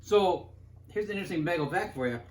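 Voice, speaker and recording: Guy with a high voice hosting a little cooking show, jokey and laid back, echoey kitchen sound. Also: expressive, fast. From Midwest US. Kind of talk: casual food show chat.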